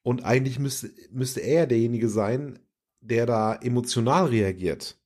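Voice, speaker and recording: A man's voice: mid-range voice, unhurried, a little mellow. A man co-hosting a podcast, chatting about an episode in an amused, emphatic way. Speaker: podcast co-host. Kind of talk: casual review chat.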